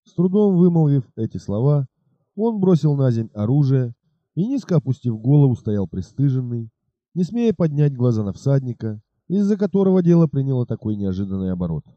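A man reading an adventure novel aloud as a narrator, dramatic and lively. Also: medium pitch, brisk, no room sound, dull audio. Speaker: audiobook narrator. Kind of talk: expressive scripted narration.

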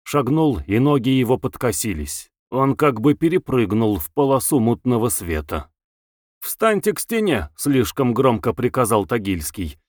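A man narrating a novel in an expressive literary reading. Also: medium pitch, no room sound, clean studio sound. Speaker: audiobook narrator. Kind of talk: scripted narration.

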